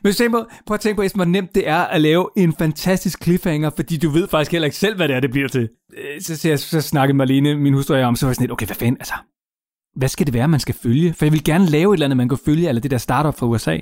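A man's voice: fairly high pitch, few pauses, darkish tone, no echo, studio quality. A middle-aged man telling a story in casual conversation, chatty, swearing lightly and acting out what people said. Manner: chatty, swears casually, acts out quoted dialogue. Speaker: podcast guest telling his founder story.

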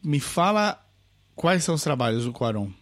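A man's voice: on the high side, sing-song. Guy with a cold, stuffy voice, chatty film podcast, trips over his words a lot. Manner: halting, self-interrupting. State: has a cold, congested. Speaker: podcast co-host. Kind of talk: casual film chat.

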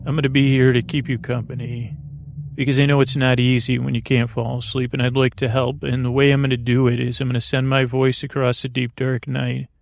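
In a flat delivery with no echo, a podcast host with a creaky, mid-range voice runs a sleep podcast. He offers a meandering bedtime monologue that pauses often and slips into soothing, mildly whimsical tangents.

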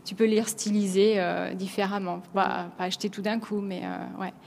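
A woman's voice: medium pitch, flat delivery, normal speed, gravelly, darkish tone, in a large hall, a little hiss or hum. A French woman talking casually in an interview, with many fillers and restarts as she works out her thoughts. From France. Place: New York.

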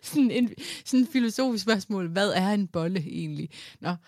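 A woman's voice: mid-range voice, lively intonation, a little mellow, no room sound, clean studio sound. A woman in her thirties, a podcast co-host, telling funny stories in casual chat and laughing often.

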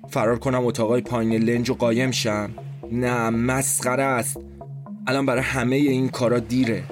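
A man reads a scripted first-person story in a steady, mid-pitched voice, speaking as a tense inner monologue. A loud dramatic music score runs under his narration the whole time. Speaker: narrator and reader.

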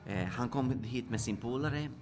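A man's voice: mid-range voice, over music. A man casually telling an anecdote, acting out the people in it as he goes. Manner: animated storyteller, acts out quotes. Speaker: guest.

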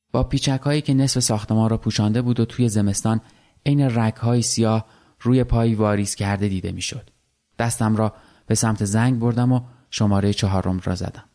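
A man calmly reading a literary short story aloud in the first person. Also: on the low side.

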